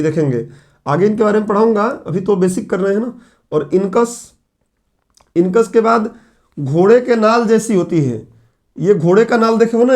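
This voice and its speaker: गला खराब, सवाल पूछकर पढ़ाता ऊँची आवाज़ वाला शिक्षक. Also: male voice, sits high, dark tone. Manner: explains step by step, asks the class questions and answers them himself. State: sore throat, coughing. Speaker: teacher. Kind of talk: classroom lecture at a whiteboard. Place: classroom.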